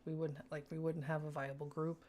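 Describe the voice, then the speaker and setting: A woman's voice: low voice, little pitch movement, brisk, slight background noise. Woman leading a game raid, thoughtful. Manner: explains at length, with soft fillers. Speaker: raid leader and streamer. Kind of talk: casual voice chat while gaming.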